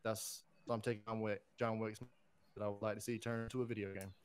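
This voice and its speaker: As a podcast panelist, a man pitches his picks in a relaxed, enthusiastic pop-culture conversation, talking informally. His delivery is smooth, quick, and flat.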